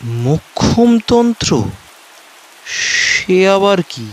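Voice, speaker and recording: A dazed young man speaks in a hushed, high, lively voice, played by a male actor in an audio horror drama. He talks very slowly, and rain and music run behind him. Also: exaggerated voice, poor audio. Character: frightened young man in a story.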